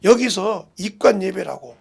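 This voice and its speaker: Gravelly, husky preacher with swinging pitch. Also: male voice, expressive, unhurried. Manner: swings from hushed murmurs to loud cries, acting out relatives' words. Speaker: pastor. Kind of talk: sermon with told stories.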